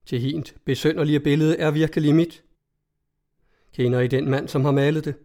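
A man voicing a polite, formal young gentleman traveler. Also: a little high, fairly even intonation, natural voice. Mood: calm.

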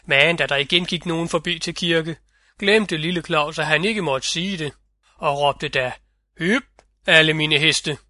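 Bright, dry-voiced male audiobook narrator. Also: a little high, dry recording. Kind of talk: scripted fairy tale narration.

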